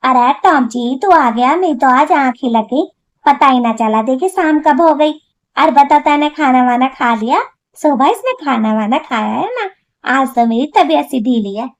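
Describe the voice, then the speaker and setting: A woman's voice: high-pitched, animated, measured pace. A woman voicing a scheming old witch who plays a mother-in-law in a cartoon, speaking in a wheedling, conspiratorial way. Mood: drowsy. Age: older. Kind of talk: cartoon voice acting.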